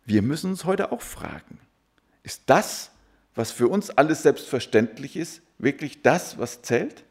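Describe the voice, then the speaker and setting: A man's voice: mid-range voice, lively intonation, measured pace, husky. A man preaching a sermon who keeps asking his listeners rhetorical questions.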